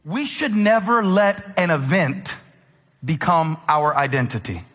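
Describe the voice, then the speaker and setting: A man from South Carolina preaching a live sermon to a congregation, emphatic and rising to shouts. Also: a little high, lively intonation, unhurried. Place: large church hall with congregation. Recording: long hall reverb, faint crowd.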